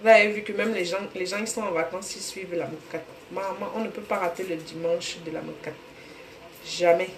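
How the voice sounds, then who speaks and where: Her fairly quick, lowish, steady voice carries a Cameroonian French accent as she hosts a live cooking stream in her home kitchen. She chats casually and greets viewers by name over a roomy echo and faint room noise.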